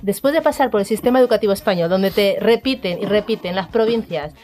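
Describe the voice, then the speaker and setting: A woman's voice: mid-range voice, fast, darkish tone, soft background music. A middle-aged woman from Somalia, a podcast guest who talks at length and laughs through her anecdotes. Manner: talkative storyteller, laughs while telling anecdotes. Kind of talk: casual chat.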